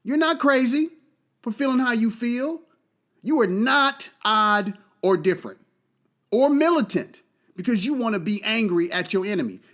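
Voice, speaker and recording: A man with a high voice gives an impassioned monologue as a podcast host. His pitch swings widely as he hammers his points home. He swears freely and repeats phrases for force. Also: animated, normal speed, fairly bright tone. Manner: emphatic, profane, repeats key phrases for force.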